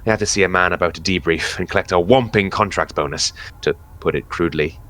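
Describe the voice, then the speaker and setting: A man's voice: sits low, fast, fairly bright tone. A man playing a chatty, sarcastic lone space explorer who talks to himself in a science fiction audio drama. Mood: resigned, wry.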